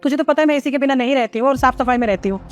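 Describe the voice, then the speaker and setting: A woman's voice: sits high, rapid-fire, natural voice. A woman playing a fussy, easily offended mother-in-law in a family drama, complaining and indignant. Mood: aggrieved. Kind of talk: Hindi family drama acting.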